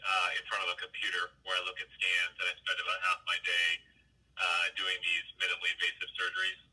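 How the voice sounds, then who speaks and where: A man heard on a speakerphone call from his car, sitting back from the phone so he sounds distant. His voice is low, very bright and edgy, and a bit husky. He explains things patiently in plain words and often restarts his sentences. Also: completely flat delivery, fast. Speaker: physician interviewee. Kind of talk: casual phone interview. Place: car, while driving.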